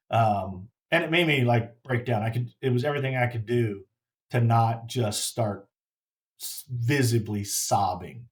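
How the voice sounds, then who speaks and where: A middle-aged man telling a personal story in a casual, halting way, often repeating words and restarting as he reflects. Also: on the low side. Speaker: grieving father telling his story.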